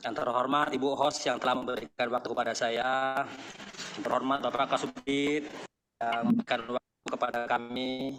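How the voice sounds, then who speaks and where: A man's voice: mid-range voice, flat delivery, normal speed, fairly bright tone, slight background noise. A man speaking politely and formally in an online meeting, his audio choppy and breaking up over a poor video call connection. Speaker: meeting participant.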